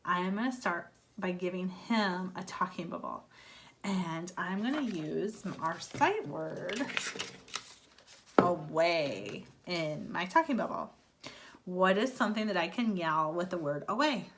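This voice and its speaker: A woman's voice: fairly low pitch, animated, slow, slight background noise. A woman teaching a writing lesson to young children, speaking patiently and sounding out letters one at a time. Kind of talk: early-grades writing lesson. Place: at home, filming with a phone.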